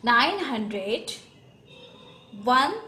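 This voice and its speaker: Slow, patient Hindi math teacher woman. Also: a little high, very animated, bright, forceful tone. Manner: slow, step-by-step, self-correcting, mixes English number words. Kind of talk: classroom math lesson.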